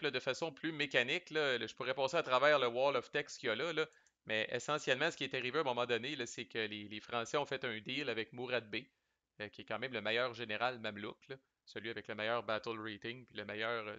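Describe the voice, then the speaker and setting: Québécois male reviewer, bright and forceful delivery, chatty and slangy, dry slightly muffled recording. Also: mid-range voice, steady tone, fast, dry recording. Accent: Québécois French. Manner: chatty, loose, sprinkles English game terms and salty slang. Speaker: board game reviewer. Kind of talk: casual explanatory commentary.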